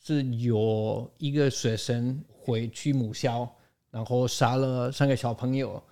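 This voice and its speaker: A man's voice: medium pitch, fairly even intonation, takes it slowly, mellow. A man speaking as a guest in a casual interview, giving his opinions and explaining them through stories and quoted exchanges. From outside Taiwan.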